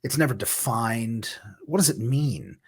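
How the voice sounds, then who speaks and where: A man's voice: mid-range voice, measured pace, breathy edge. A man talking in a casual political chat, sarcastic and mocking. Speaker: co-host.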